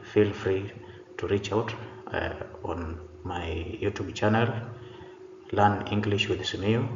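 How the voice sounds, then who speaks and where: A man teaching an English pronunciation lesson, reading example sentences slowly and repeating them, with frequent "uh" fillers. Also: lowish voice, a little hiss or hum. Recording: dull lo-fi sound in a roomy reverberant space.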